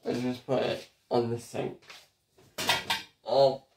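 A young man hosting a casual home cooking vlog, chatty and halting as he talks while cooking in a small kitchen. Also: mid-range voice, little pitch movement, background noise. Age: young adult. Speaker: home cooking show host. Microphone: fixed camera across the room. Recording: echoey kitchen, voice from far off.

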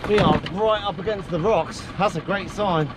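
Filmed by a camera fixed a few metres off in his small open boat, this crab and lobster fisherman, perhaps thirtyish, keeps up exclamatory vlog chatter as he hauls gear. He speaks at a moderate pace in a voice that sits high, against heavy engine and outdoor boat noise.

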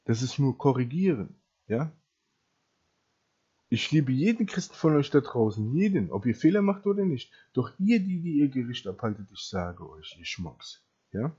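A man preaching emphatically to Christians, often asking "ja?" and repeating phrases, his loudness swinging widely. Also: medium pitch, very animated, moderate pace, breathy edge. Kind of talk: impassioned preaching to camera. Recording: dull lo-fi recording.

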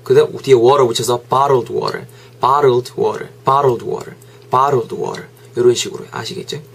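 Husky-voiced man with a Gyeongsang accent. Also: mid-range voice, steady tone, slow. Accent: Gyeongsang Korean. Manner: jokey, chatty, drills pronunciation by repeating words. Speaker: English teacher. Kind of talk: casual lecture. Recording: podcast lecture audio.

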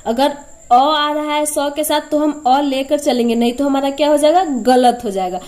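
A woman's voice: high voice, moderate pace, a little mellow. A woman teaching a spelling lesson step by step, patiently repeating each sound and answering her own questions.

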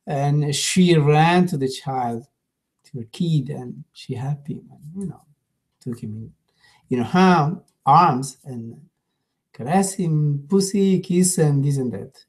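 A man gives a spiritual talk in an unhurried, gentle way, pausing often as he tells a parable. His voice is mellow and soft-edged. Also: on the high side. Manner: unhurried storytelling with gentle pauses. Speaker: spiritual teacher.

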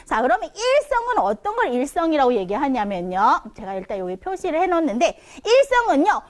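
Female language teacher, high and animated, drilling tones for seniors. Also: a little fast. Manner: demonstrates sounds with big pitch swings, asks and answers her own questions. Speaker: Chinese conversation instructor. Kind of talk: online lesson for seniors.

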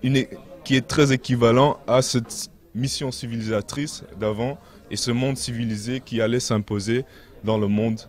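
A young man giving earnest interview answers, measured and pausing to find his words, into a handheld mic in a large indoor hall. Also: medium pitch, steady tone. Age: young adult. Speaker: interview guest, activist.

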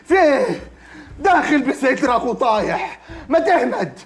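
An actor playing a sly brother-in-law caught out over drugs, pleading and blustering in Egyptian Arabic. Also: male voice, very high voice, very animated, unhurried, full character voice. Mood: wheedling. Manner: pleading, wheedling, then blustering. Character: sly male brother-in-law, drug dealer. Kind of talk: film drama acting.

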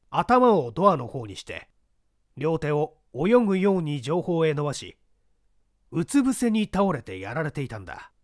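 In a detective story audiobook, a man voices a composed middle-aged gentleman who lays out a puzzle in measured, lecturing tones and poses pointed questions. The pitch swings widely and lively up and down. The recording is close and dry, with no echo.

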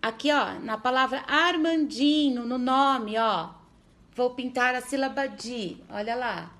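A Brazilian Portuguese woman with a high voice teaches first graders their letters. She speaks slowly and patiently, sounding out each syllable and often checking that the children are following. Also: fairly bright tone. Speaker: primary school teacher. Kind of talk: remote literacy lesson for first graders.

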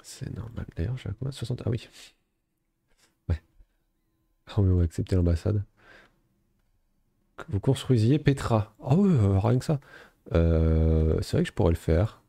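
Deep gravelly man gaming. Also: no room sound, studio quality. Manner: relaxed, thinking aloud with many fillers. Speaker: gaming video host. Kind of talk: casual let's play commentary.

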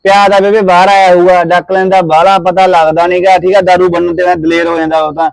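A man's voice: high voice, little pitch movement, brisk, gravelly, clean tone, no echo, low-quality recording. A young man playing a husband who insistently defends his wife in a family quarrel. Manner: insistent, persuasive. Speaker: son. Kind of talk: Punjabi short film acting.

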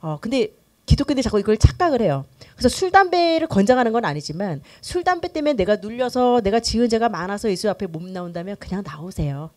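A middle-aged woman pastor teaching a church class in a lively, conversational way, often acting out quoted voices and using many fillers. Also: mid-range voice, quick pace.

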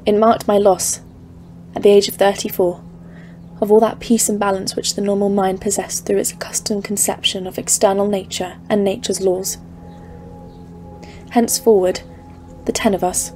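In a scripted audio drama of narration and dialogue, a woman plays a haunted thirty-four-year-old expedition leader, grave, literary and foreboding. Her natural voice is medium-pitched and a little mellow, set against a clearly noisy, ambient background.

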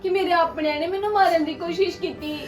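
A woman acting as a young adult daughter in a family drama, earnest and gentle, with a high voice. Soft music sits faintly underneath. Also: steady tone, fast talker. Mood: consoling. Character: young daughter returning home after hardship.

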